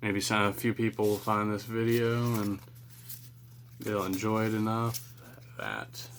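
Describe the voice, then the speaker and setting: A man's voice: lowish voice, level tone, measured pace, slight background noise. A man chatting casually and unscripted as he hosts a card-pack opening video, musing in a rambling, self-deprecating way. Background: cards being shuffled.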